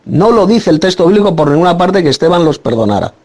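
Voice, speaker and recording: Man, fairly high voice, insistent preaching debate, emphatic repetition. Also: very animated, fast talker, a little mellow. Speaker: Bible teacher in a debate. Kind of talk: preaching argument.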